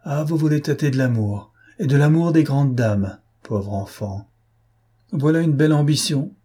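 A man voicing a gentle young woman servant who speaks softly and with gentle reproach in an audiobook. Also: on the high side, normal speed, slightly rough, voice pushed up. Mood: tender, rueful. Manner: soft, pleading and gently reproachful. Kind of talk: audiobook character voice.

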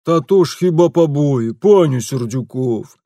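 A man doing a booming Cossack sergeant-major. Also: animated, unhurried, dark tone, no room sound, studio quality. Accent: Ukrainian. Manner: booming, commanding.

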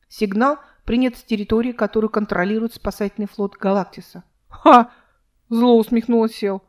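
A woman's voice: a little high, a little mellow. Woman reading a sci-fi audiobook. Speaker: author reading her own audiobook. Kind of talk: scripted audiobook narration.

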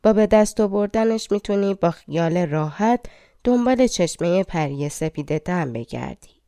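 A woman's voice: lowish voice, lively intonation, dark tone, no echo, clean studio sound. A woman voicing an old female nurse who gives motherly advice in a storybook reading. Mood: fond, advising. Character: old wise female nurse, fond and knowing.

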